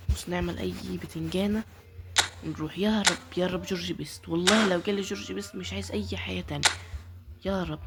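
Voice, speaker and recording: A woman's voice: fairly low pitch, heavy background noise. A woman with an Egyptian accent giving live gameplay commentary, pleading and complaining about her luck as she opens each pack. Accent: Egyptian Arabic. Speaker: gaming YouTuber.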